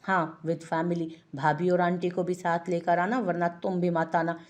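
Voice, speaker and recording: एक महिला कथावाचक एक शरारती, चिढ़ाने वाले युवा पति की आवाज़ पढ़ती है।. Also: female voice, lowish voice, flat delivery, unhurried, close to an everyday voice. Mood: playful. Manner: teasing, mock-innocent. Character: playful young husband teasing his wife. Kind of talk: audiobook character voice.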